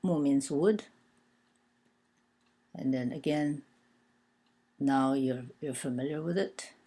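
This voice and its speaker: A woman's voice: rumbling low, slow pace, mellow, husky. A woman teaching an informal language lesson, hesitant and full of fillers, counting and spelling things out aloud. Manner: hesitant, many fillers and restarts.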